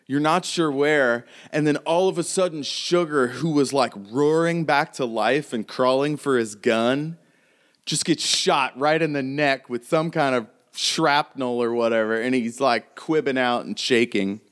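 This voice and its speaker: A man's voice: mid-range voice, measured pace, fairly bright tone. A man narrating a tabletop game as game master, casual and swearing freely. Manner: casual, swearing, laughing often.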